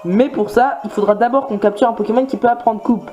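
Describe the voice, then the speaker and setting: A man's voice: extremely high pitch, brisk, a little mellow, highs cut off, soft background music. A man doing casual gameplay commentary, rambling along with many fillers and restarts. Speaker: video game let's player.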